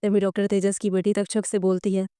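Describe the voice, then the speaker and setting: A woman's voice: mid-range voice, level tone, brisk, warm tone, clean tone, no echo. A woman narrating a story recap, reading every character's lines in close to her own voice.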